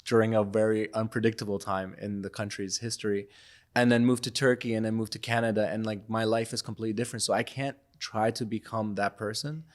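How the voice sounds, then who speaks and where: Man, young adult, from Iraq, lowish pitch, reflective, casual interview talk. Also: steady tone, brisk. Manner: reflective, loose and conversational, many fillers. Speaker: podcast guest, photographer.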